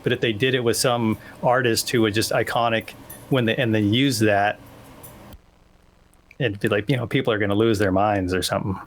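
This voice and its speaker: A man's voice: on the low side, steady tone, moderate pace, a little hiss or hum. A man chatting as a guest on a synth show, musing aloud and cracking jokes. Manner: musing and joking, thinking out loud. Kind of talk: casual chat.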